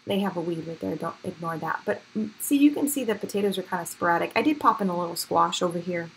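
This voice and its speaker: A gravelly, low-pitched woman talks fast as she hosts a home gardening vlog, giving viewers a casual, upbeat, chatty tour of her backyard garden one evening. She speaks straight into a handheld camera or phone, and the rough outdoor recording picks up background noise and faint ambient sounds.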